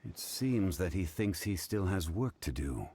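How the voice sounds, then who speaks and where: An actor playing a calm, ancient and dignified man who speaks in a composed, formal way. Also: low voice, unhurried, husky, no room sound, exaggerated voice. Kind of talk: game voice acting. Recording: game soundtrack behind.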